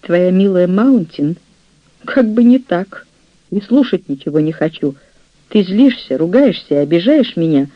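Man putting on a shrill scheming old nurse. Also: lively intonation, a little slow, no echo, muffled recording. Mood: aggrieved. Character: older woman, scheming jealous nurse, ensign's widow.

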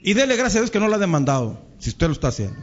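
A man's voice: sits high, big pitch swings, racing, highs cut off. A male pastor with a Mexican Spanish accent preaching to his congregation, calling them brothers and acting out quarrels between spouses. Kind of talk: sermon.

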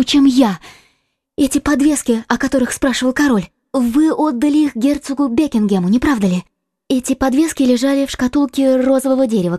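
A devoted young maid swears loyalty in a very high, fervent falsetto, as a male reader puts her on. She rushes her words and pushes them out loudly. The sound is dry and close. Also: no room sound. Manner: fervent, rapid, earnest falsetto. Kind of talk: audiobook character voice.

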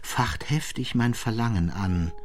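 An actor playing an excitable scholarly man who earnestly and emphatically tells his story in a radio play. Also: medium pitch, unhurried, soft background music, lightly acted. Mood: absorbed recounting. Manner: emphatic, rhetorical.

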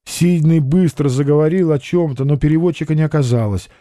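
A man narrating an audiobook of a historical novel in a grave, measured manner. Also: fairly high pitch, warm tone, dry recording, studio quality.

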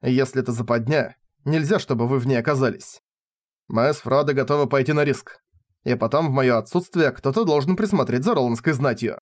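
Man reading a calm, decisive young king. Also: medium pitch, a little fast, natural voice. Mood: resolute.

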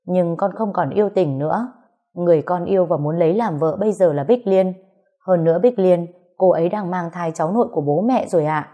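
A woman's voice: fairly low pitch, a little fast, dark tone, close to an everyday voice. A woman voicing a young man in a read-aloud story, politely pleading with his parents.

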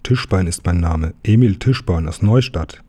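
A man voicing an earnest, polite young boy, in a low, husky voice. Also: moderate pace, mellow.

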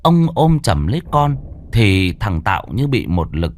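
A man's voice: sing-song, a little slow, a little mellow. Theatrical male horror storyteller. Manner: theatrical, swinging pitch widely for effect. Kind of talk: dramatic horror story narration.

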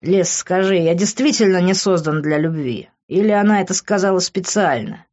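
A woman's voice: fairly low pitch, normal speed, darkish tone, lo-fi sound, close to an everyday voice. A woman reading the part of a jealous, lovesick young man who snaps at others. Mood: doubtful. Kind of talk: audiobook character reading.

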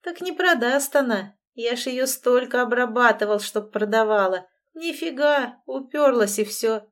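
A brash, unshaven young bully who sneers and taunts in coarse street slang, as a woman reading the story puts him on. The voice sits fairly high and drawls its jeers slowly. It is a spoken storybook performance. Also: close to an everyday voice. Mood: mocking. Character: crude scruffy young man, brash bully. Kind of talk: audiobook reading.

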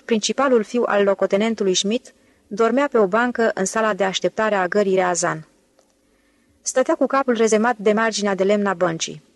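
A woman narrating an audiobook in an even, measured reading voice. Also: medium pitch, no room sound. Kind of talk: scripted narration.

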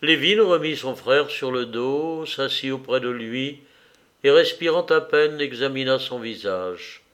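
A man reading a novel aloud as an audiobook, measured and even. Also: mid-range voice. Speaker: audiobook reader.

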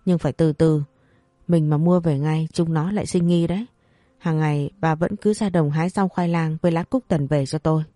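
A narrator voicing a sly, bossy peasant husband, talking quickly. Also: mid-range voice, steady tone, warm tone, no echo, studio quality, natural voice. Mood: scheming. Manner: bossy, crafty, brusque.

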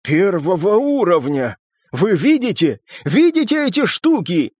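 A gruff older gang boss talks in a hoarse voice that jumps high when he shouts, as a male narrator puts him on. His pitch swings widely, and the sound is close and dry. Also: big pitch swings, takes it slowly, no room sound, exaggerated voice. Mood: excited.

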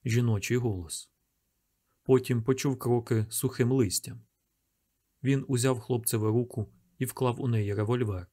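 A man reading an audiobook aloud in a measured, tense storytelling manner. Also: medium pitch, fairly even intonation, mellow. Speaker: audiobook narrator. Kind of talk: scripted audiobook narration.

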